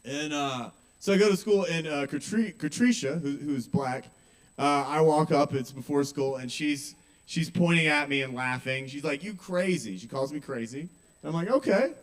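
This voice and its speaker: A man's voice: a little high, moderate pace. A young man doing stand-up comedy at an open mic, talking casually, swearing and checking in with the audience. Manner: conversational, asks the audience questions, swears. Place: small kava bar with live audience.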